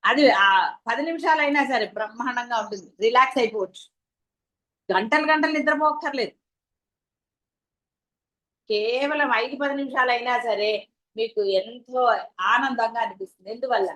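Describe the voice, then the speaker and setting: Woman spiritual teacher, Telugu accent, high voice, questioning devotional lecture. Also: normal speed, long pauses, pushed and bright, poor audio. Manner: rhetorical questions to listeners. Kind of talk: devotional discourse.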